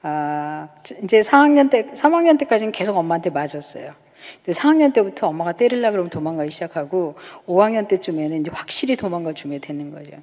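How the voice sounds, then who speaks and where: A woman in her fifties from the Gyeongsang region gives an emotional missionary testimony in a warm, low-pitched voice. She brings her memories to life by acting out the dialogue, sometimes dropping to a whisper. Her voice carries a long reverb tail from a church hall. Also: lively intonation, fast. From Gyeongsang, South Korea. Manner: storytelling that acts out remembered dialogue, dropping to whispers.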